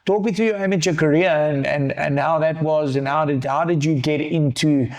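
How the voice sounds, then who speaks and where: South African coach, higher voice. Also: male voice, darkish tone. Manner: halting, repeats words while framing long questions. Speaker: MMA coach and podcast host. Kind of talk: podcast interview.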